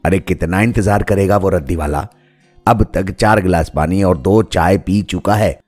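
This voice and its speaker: A man's voice: sits low, normal speed, darkish tone, faint music behind. A man voicing an irritated wife scolding her husband. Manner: scolding, complaining. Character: nagging, irritated middle-aged wife.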